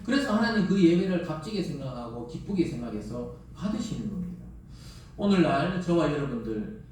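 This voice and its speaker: A middle-aged pastor preaches a Sunday sermon in a church sanctuary, emphatic and full of rhetorical questions for the congregation, his voice rising and dropping sharply for stress. His voice is fairly high and warm, caught echoey by a distant mic with slight background noise.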